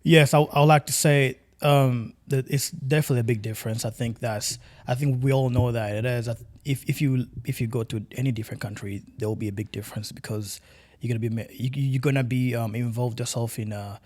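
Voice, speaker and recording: A young man from Tanzania talks as a guest on a casual podcast. His voice sits in an ordinary middle pitch. He speaks earnestly and often restarts or repeats words as he works out what he means. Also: steady tone, fairly quick, a little mellow. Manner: earnest, repeats words while searching for phrasing.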